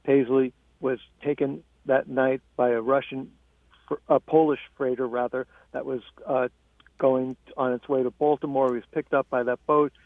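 A man, an author being interviewed about his book, speaking in a measured, halting way with frequent restarts. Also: mid-range voice, level tone, dry recording. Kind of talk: radio interview. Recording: tinny phone line.

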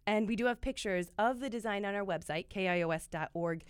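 A woman's voice: medium pitch, a little fast, smooth, no echo. A woman hosting a podcast, narrating in a scripted yet casual, upbeat way with occasional fillers. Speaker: podcast host.

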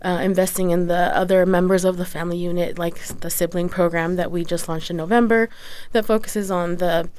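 Woman, slightly low pitch, clean resonant voice, interview guest, earnest explaining. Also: steady tone, brisk, darkish tone, clean tone. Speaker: nonprofit executive director, interview guest.

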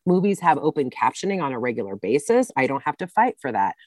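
A live interpreter voice that speaks a deaf signer's words in the first person, with pitch that rises and falls freely. The sound is close and dry, with no room around it. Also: very animated, fast, a little mellow, no echo. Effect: live interpreter voicing a deaf speaker's signed words. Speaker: sign language interpreter. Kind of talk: spoken interpretation in a radio news feature.

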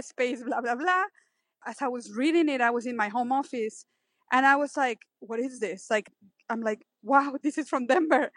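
A high-voiced woman business owner answers interview questions with eager energy, restarting and repeating words as she goes. The sound is close and dry, with no room around her. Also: no room sound. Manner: excited, rambling with repeated words.

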